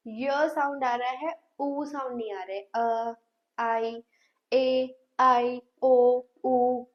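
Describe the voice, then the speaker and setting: A woman's voice: sits high, a little mellow. A woman teaching an English grammar lesson, asking her class questions and repeating sounds patiently. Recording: dull lo-fi sound.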